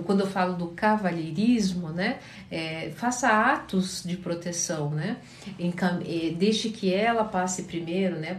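A woman from Paraná with a Curitiba accent, a therapist calmly answering viewers' questions in a live chat, sounding tired. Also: on the low side, roomy sound, a little hiss or hum. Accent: Curitiba Portuguese. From Paraná, Brazil. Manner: calm, advising, often checks in with listeners.

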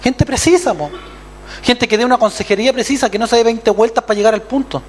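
A man's voice: very high-pitched, fast talker, background noise. A man with a Chilean accent preaching a sermon as pastor, acting out other voices and calling for amens. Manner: animated, acts out voices and calls for amens.

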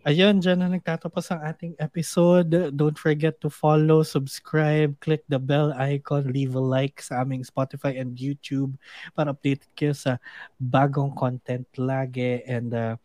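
A man's voice: medium pitch, level tone, a little slow, darkish tone, no echo. A man from the Philippines hosting a casual podcast, mixing Tagalog and English and laughing often. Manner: giggly, mixes Tagalog and English. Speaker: podcast host.

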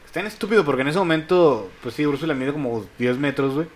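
A young Mexican man co-hosting a podcast in fast, slangy casual chat. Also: fairly high pitch, lively intonation, a little hiss or hum. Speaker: podcast co-host.

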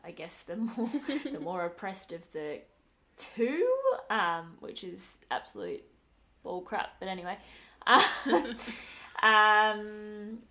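A woman's voice: medium pitch, takes it slowly, sharp tone. Hesitant young woman podcaster. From Australia. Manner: thoughtful, hesitant, many fillers and restarts. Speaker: podcast co-host. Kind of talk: casual podcast conversation.

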